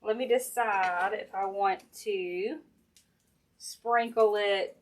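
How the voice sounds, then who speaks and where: A woman's voice: mid-range voice, fairly even intonation, slow pace, slight background noise. A woman with a Southern US accent chats casually and folksily to viewers, thinking aloud while she works on a craft at home. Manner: chatty, folksy, addressing viewers directly. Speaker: craft maker hosting a live stream. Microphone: sensitive live-stream camera mic.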